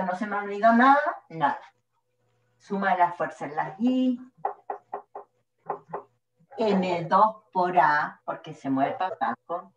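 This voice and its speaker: A woman's voice: lowish voice, slight background noise. A woman with a Chilean accent, teaching physics step by step to a class. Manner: patient, step-by-step explaining. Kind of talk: classroom lecture at the board. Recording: echoey room, distant mic, dull sound.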